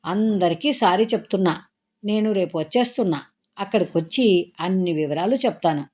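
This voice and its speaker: A woman's voice: on the low side, moderate pace, dark tone, close to an everyday voice. A woman reading a Telugu audiobook story, voicing an apologetic, affectionate young man who soothes his crying girlfriend. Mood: apologetic, tender. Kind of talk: audiobook character voice.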